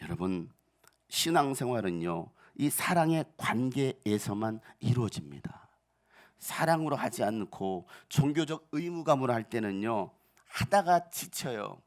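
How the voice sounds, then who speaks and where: A middle-aged man preaching a sermon as pastor, emphatic, asking rhetorical questions and swinging between soft and loud passages. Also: mid-range voice, animated, a little slow.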